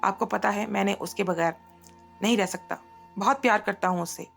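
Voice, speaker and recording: A woman's voice: medium pitch, moderate pace, creaky, fairly bright tone, faint music behind. A woman voicing a lovesick young husband who talks in a pleading, tender way, in a storybook reading.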